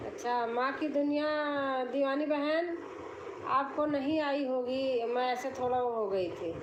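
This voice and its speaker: Woman, high voice, slow unhurried talk, casual live-stream chat, phone mic, echoey room, noisy background. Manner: slow, chatty, greets viewers by name.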